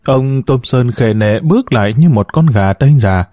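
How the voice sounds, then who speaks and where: A male narrator reads an audiobook story at a steady, moderate pace. His timbre is dark and mellow, his pitch sits in an ordinary middle range, and the recording is close and dry with no room echo.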